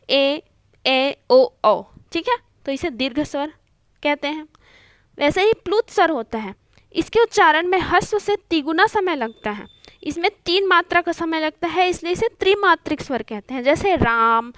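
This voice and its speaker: There's no room sound in this close, dry recording of a young woman with a high voice teaching Hindi grammar online. Mixing in English words, she goes over points again and again with steady, classroom-style patience and frequent "theek hai" checks for her listeners.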